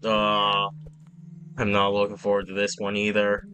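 An actor playing a gruff adult male video game character who rallies a group with slow, drawn-out calls. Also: fairly low pitch, monotone, bright, forceful tone, a little hiss or hum. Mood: grim resolve.

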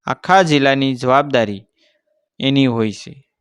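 Kind village teacher, patient and instructive, smooth tone; voiced by the male narrator. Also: medium pitch, a little slow, no room sound, close to an everyday voice. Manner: patient, explaining. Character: kindly older male village schoolteacher.

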